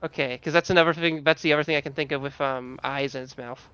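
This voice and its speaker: A man improvising narration as game master of a tabletop game, halting as he searches for descriptions. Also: a little high, steady tone, sharp tone, clear, resonant tone, highs cut off.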